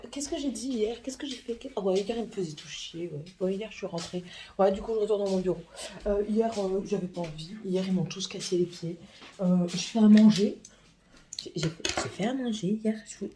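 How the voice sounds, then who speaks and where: A mother chatting casually in a home vlog, rambling and hesitant, with lots of pauses as she talks. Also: mid-range voice, dark tone, slight background noise.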